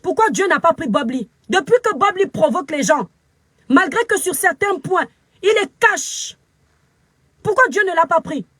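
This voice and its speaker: A Cameroonian woman with a Cameroonian French accent rants angrily into her phone camera as a social media commentator, very upset, scolding and preachy with emphatic repetition in this angry live video. Her voice is very high and expressive, fairly bright in tone, at a normal speed, and the recording is dry.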